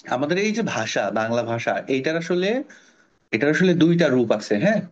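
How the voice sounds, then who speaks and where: A male teacher with a slightly high voice leads a class with patience and encouragement, often pausing to quiz his students. The recording is dull and lo-fi. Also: animated. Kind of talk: online class lecture. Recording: dull lo-fi audio.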